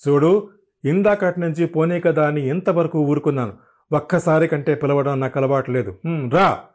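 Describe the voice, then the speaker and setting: A man's voice: medium pitch, unhurried, darkish tone, natural voice. A man voicing a drunken, crude young husband who mocks and bullies in a coarse, drawling manner. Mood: menacing. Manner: mocking and coarse, drawling with English endearments.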